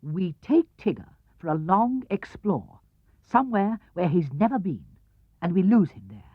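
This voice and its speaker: A man voicing a bossy, self-assured rabbit in a children's storybook, brisk and emphatic. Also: high voice, sing-song, husky, no echo, exaggerated voice. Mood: bossy, scheming. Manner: brisk, emphatic, explaining with authority. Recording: muffled 1970s cassette-era recording.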